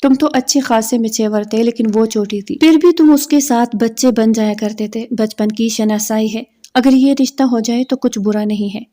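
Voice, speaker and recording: A woman's voice: on the high side, few pauses, dark tone, close to an everyday voice. A woman reading a story aloud, voicing a stern, commanding father. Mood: gentle. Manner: firm, commanding. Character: stern fatherly older man, proud then furious.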